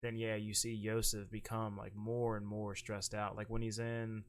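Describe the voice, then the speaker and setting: A man's voice: on the low side, completely flat delivery, moderate pace, clear, resonant tone. A man co-hosting a podcast, chatting casually about a film and rambling through scene retellings with lots of fillers. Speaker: podcast co-host. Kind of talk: casual chat about movies.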